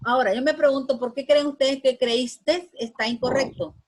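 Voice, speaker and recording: Woman teacher, higher voice, patient and repetitive grammar lesson. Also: steady tone, poor audio. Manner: patient, repeats words slowly for students.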